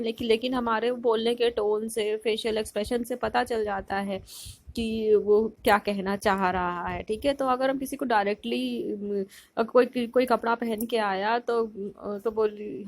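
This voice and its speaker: Higher-voiced woman giving a lecture. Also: no room sound. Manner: explains step by step, many fillers, mixes in English terms. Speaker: teacher. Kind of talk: recorded lecture. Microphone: phone voice recorder.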